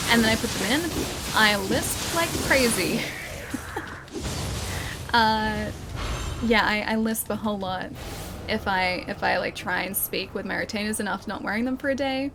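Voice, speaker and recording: Against a noisy background, a young woman streams a video game, talking at normal speed in a slightly high voice with long pauses. She chats casually with her live chat, laughs often, and restarts her sentences while commenting on gameplay.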